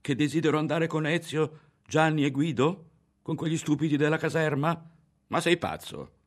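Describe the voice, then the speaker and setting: A man's voice: fairly high pitch, slow, a little mellow, pitched above the performer's own voice. A man reading a novel aloud and voicing a proud, defiant young girl, his delivery raised and indignant.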